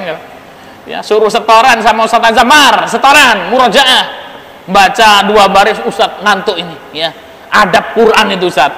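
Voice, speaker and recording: A man giving a relaxed religious lecture, teasing his listeners and asking them questions. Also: sits high. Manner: joking, asks the audience questions. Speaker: ustadz teaching a study circle. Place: prayer room. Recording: echoey prayer room with long reverb.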